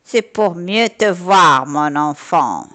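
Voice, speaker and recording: A sly big bad wolf, done by a woman telling the story, drawling each word slowly in a fake-sweet tone. He speaks a little lower than the teller's own voice. It is a storybook reading for children. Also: expressive, a bit bright. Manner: slow, drawn-out and sly.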